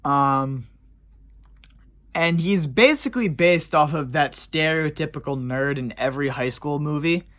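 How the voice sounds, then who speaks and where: A man's voice: a little high, a little slow, fairly bright tone. A man talking casually about how he builds his characters, loose and rambling, often trailing off and starting his sentences again. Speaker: character creator on his own channel. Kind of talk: casual explanatory vlog.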